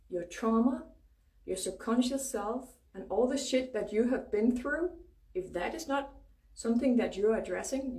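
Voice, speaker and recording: Through a distant mic and a roomy echo comes a medium-pitched woman's voice, dark in tone, with a Danish accent. She's a native Danish speaker hosting a relaxed spiritual talk, forceful in emphasis and free with her swearing.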